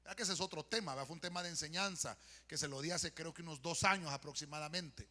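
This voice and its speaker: A man's voice: fairly high pitch, fast talker, sharp tone. A male pastor with a Honduran accent preaching a sermon and praying aloud, often calling his listeners "hermano" and asking "¿verdad?" between thoughts. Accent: Honduran Spanish. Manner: addresses congregation as "hermano", frequent "¿verdad?" and "eh" fillers. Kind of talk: sermon with spoken prayer. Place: church sanctuary. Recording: long church hall reverb.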